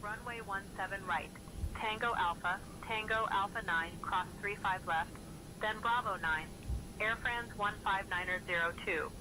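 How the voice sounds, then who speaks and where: A woman pilot reading back a taxi clearance in clipped, formal aviation phrasing, heard over a cockpit headset radio. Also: mid-range voice, normal speed. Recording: distant tinny radio line with noise.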